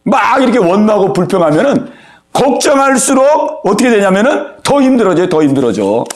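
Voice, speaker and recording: Lively high-pitched preaching pastor. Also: male voice, fairly quick. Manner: animated preaching, acts out inner worries and prayers; calls on congregation by name, asks for amens. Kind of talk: sermon. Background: congregation answering amen.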